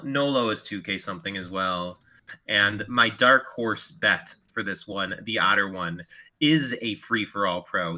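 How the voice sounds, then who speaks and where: A man's voice: on the low side, bright, forceful tone. A man co-casting a live strategy game tournament, analytical and talking with lots of "like" and "uh". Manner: analytical, filler-heavy, with many "like" and "uh". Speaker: co-caster.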